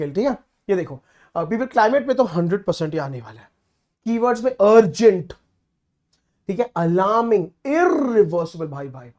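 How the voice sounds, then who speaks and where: A man teaching online exam prep in an energetic, chatty lecture style, coaxing his students along. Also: high-pitched. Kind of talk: online lecture mixing Hindi and English.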